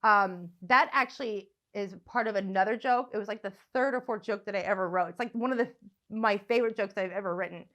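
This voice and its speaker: A woman's voice: medium pitch, a little fast, fairly bright tone. A young woman stand-up comic ranting profanely and sardonically, practicing her set into a phone at home. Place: room at home.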